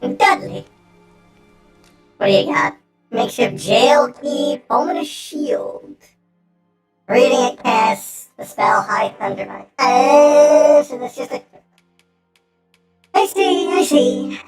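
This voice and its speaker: High-voiced woman streaming in an echoey room. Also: lively intonation, takes it slowly. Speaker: game streamer. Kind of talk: casual gameplay commentary, reading game text aloud. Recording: echoey room, faint game music behind.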